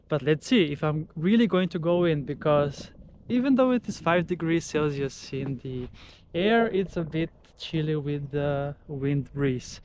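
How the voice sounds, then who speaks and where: A man narrating a casual vlog outdoors, speaking haltingly in short broken pieces. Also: on the high side, slight background noise. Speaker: vlogger. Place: outdoors at a frozen lake.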